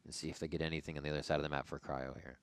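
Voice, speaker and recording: A man's voice: rumbling low, little pitch movement, racing. A man calling the play-by-play of an esports match, narrating the action as it happens. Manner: narrates the action, reacts to kills. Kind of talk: play-by-play commentary.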